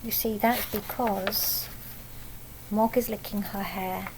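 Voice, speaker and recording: A British woman reads a picture book aloud the way a primary teacher would, adding simple explanatory asides and little tag questions for children. Her voice is medium-pitched with fairly even intonation and a slow pace, and there's noise in the background.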